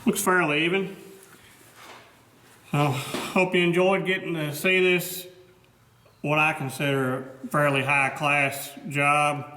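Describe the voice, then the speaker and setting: Male machinist, medium pitch, casual workshop explainer. Modest, plainspoken, matter-of-fact delivery. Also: pushed and bright, a little hiss or hum. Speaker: machinist presenting his repair work.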